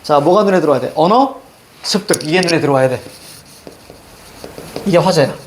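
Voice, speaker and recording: Lively middle-aged male teacher. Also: a little high, a little fast, slight background noise. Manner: animated, directive, drills students on reading steps. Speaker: Korean reading teacher. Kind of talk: classroom lecture. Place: classroom with blackboard.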